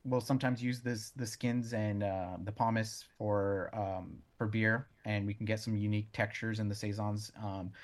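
A man being interviewed as a brewer, explaining casually in a halting way as he searches for words. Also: fairly low pitch, little pitch movement.

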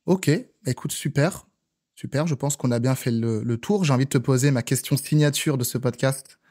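Mellow French man hosting a podcast. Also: mid-range voice, normal speed. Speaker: podcast host. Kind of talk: casual interview chat.

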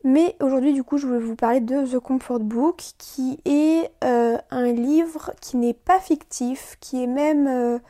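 A woman's voice: sits high, fairly even intonation, unhurried, hardly any pauses, dark tone. A young woman hosting a casual solo podcast, chatting with lots of fillers and restarts. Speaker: podcast host.

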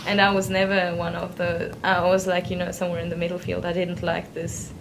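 A woman's voice: fairly low pitch, completely flat delivery, fairly quick. A woman from Switzerland, an interview guest, talking in a reflective, hesitant way and laughing often. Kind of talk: casual interview chat. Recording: noisy background.

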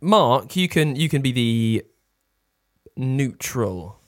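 A man's voice: medium pitch, animated, slow pace, no echo, studio quality. A man co-hosting a podcast, bantering casually in a blunt, teasing, sweary way as he reads things out. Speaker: podcast co-host. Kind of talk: casual banter, reading out and commenting.

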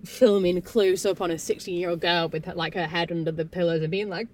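A woman's voice: fairly low pitch, a little mellow, slight background noise. A young woman, casually recapping a reality show with sarcastic asides and frequent "like"s. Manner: chatty, sarcastic asides, lots of "like".

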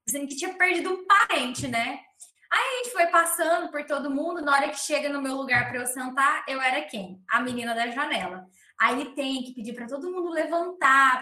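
A young woman with a Brazilian accent tells a story on a podcast in a high, bright voice, and she acts out the people in it as she goes. The sound is roomy and echoes noticeably around her. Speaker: podcast guest. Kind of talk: casual storytelling. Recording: roomy echo.

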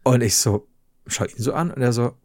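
A man hosting a podcast, telling a story in casual chat and acting out the quoted dialogue with big leaps in pitch, swearing casually. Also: brisk, a little mellow. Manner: swears casually, rambling restarts. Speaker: podcast host.

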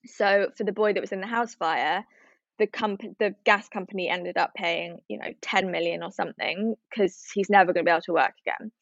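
A woman's voice: mid-range voice, brisk, creaky, dry recording. A woman telling a story in casual chat, acting out what people said. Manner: animated storytelling, acting out quotes. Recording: dull, dry, slightly lo-fi sound.

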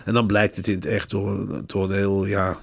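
A man's voice: low-pitched, level tone, moderate pace, gravelly. A man co-hosting a casual podcast chat, telling anecdotes in a mock-earnest, ironic way. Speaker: podcast co-host.

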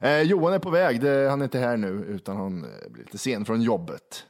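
A man's voice: medium pitch, expressive, vocal fry. A man in his thirties with a Värmland accent, co-hosting a podcast in casual, self-mocking chat with easy swearing. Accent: Värmland Swedish. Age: 30s. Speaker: podcast co-host.

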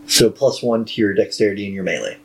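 A man acting as game master of a tabletop game, explaining rules in a casual, halting way with some swearing. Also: lowish voice, lively intonation, gravelly, poor audio.

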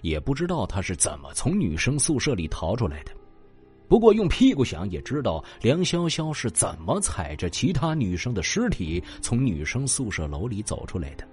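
A man narrating a web novel in an expressive storytelling manner. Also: on the low side, moderate pace, breathy edge, soft background music. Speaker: audiobook narrator.

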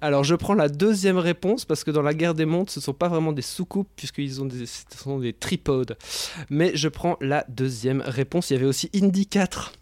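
A man hosts a casual online film discussion over a video call. His voice sits slightly high, and he stumbles through fillers and repeated words. The sound is dry and close. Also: moderate pace, a little mellow, no room sound. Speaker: host of a film roundtable show.

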